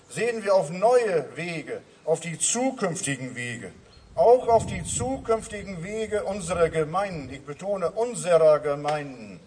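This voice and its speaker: A man's voice: high-pitched, darkish tone, recorded from a distance, a little hiss or hum, low-quality recording. A man preaching a sermon to his congregation, earnest and repeating his refrains. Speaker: pastor.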